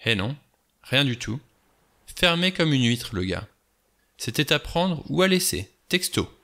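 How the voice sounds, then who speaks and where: A man's voice: medium pitch, very animated, a little slow, vocal fry, pushed and bright, voice pushed up, full character voice. A man reading a wry, cool adventurer. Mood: sardonic. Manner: wry and offhand.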